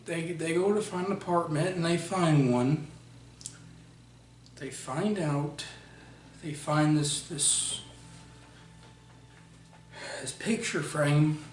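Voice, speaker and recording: A young man giving a casual movie review, blunt and profane, often restarting his sentences. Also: fairly high pitch. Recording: roomy echo, voice far from mic, faint noise.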